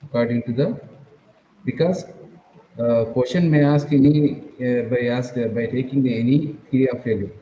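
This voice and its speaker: A man lecturing an online engineering class, captured as a screen recording, talking haltingly with repeated phrases and "uh" fillers. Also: medium pitch. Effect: screen-recorded online class audio. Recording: dull lo-fi roomy sound with faint noise.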